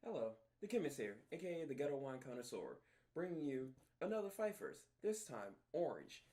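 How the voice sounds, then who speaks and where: A man's voice: a little high, sing-song, brisk, dark tone. A man giving a comedic drink review in a wry, offhand and self-mocking way.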